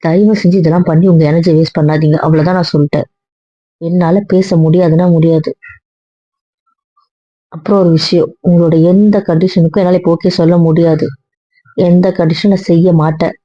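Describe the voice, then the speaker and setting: A woman's voice: on the low side, steady tone, a little fast, long pauses, mellow, no echo, natural voice. Woman as a stubborn young wife, earnest pleading, dull lo-fi audio drama. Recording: dull dry lo-fi sound.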